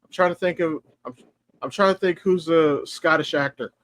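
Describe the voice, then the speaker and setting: A man co-hosting a casual podcast, talking in an animated, profane way that jumps up in pitch when he gets excited. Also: moderate pace, dry recording. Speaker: podcast co-host.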